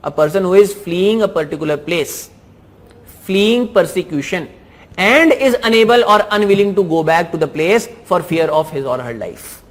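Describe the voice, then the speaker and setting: High-pitched Indian man teaching. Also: normal speed. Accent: Indian English. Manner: repeats key phrases for emphasis, mixes in Hindi. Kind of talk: exam answer review lesson.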